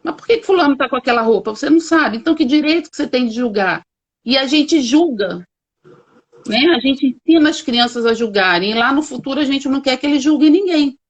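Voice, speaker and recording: A woman's voice: high-pitched, lively intonation, fast talker, highs cut off. A woman with a Brazilian accent, a children's coach who explains her points emphatically and stretches out key words, heard over a video call. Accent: Brazilian Portuguese. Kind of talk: explanatory interview answers.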